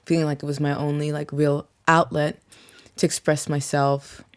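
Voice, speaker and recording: A low-voiced woman from Yorkshire, England, a guest singer-songwriter, chats casually in an interview. Her relaxed mixed accent carries slight American and South African inflections; she speaks smoothly at normal speed, reflective, with frequent "um" and "like" and soft laughs.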